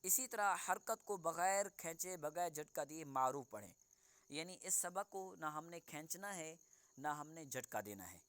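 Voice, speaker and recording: Clear-voiced man teaching Quran reading. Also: fairly high pitch, expressive, fairly bright tone, no room sound. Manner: patient, explains then models each sound slowly for repetition. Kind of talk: online one-on-one lesson.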